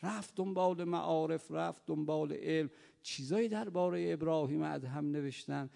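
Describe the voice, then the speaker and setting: A man preaching a sermon, telling stories and moving from soft speech to loud emphatic cries, in a reverberant hall. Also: fairly high pitch, creaky. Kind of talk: sermon with storytelling.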